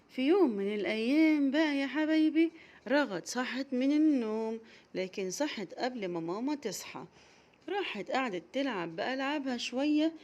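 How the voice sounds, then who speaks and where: A woman's voice: fairly high pitch, dull audio. A woman with an Egyptian accent telling a children's story, affectionately addressing young listeners.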